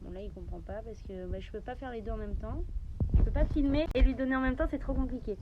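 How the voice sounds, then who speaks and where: A woman's voice: fairly high pitch, fast, dull audio, noisy background. A young woman making a casual vlog tutorial, chatting with lots of hesitant fillers. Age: young adult. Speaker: pet vlogger.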